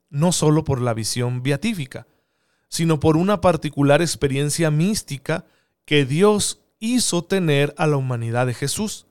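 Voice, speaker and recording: A man giving an earnest theological teaching talk, often asking rhetorical questions. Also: fairly high pitch. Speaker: preacher.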